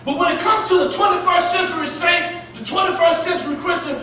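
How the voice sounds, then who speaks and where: A pastor preaching a fervent sermon, repeating his phrases and rising to shouts. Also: very high voice, a little fast, recorded from a distance. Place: church sanctuary. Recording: very echoey church, voice from afar, faint noise.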